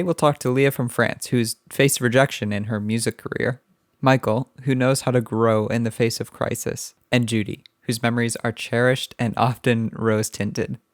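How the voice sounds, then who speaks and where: A man's voice: medium pitch, no echo. Canadian male podcast host, friendly interviewer, dry close sound, faint music. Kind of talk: relaxed interview chat.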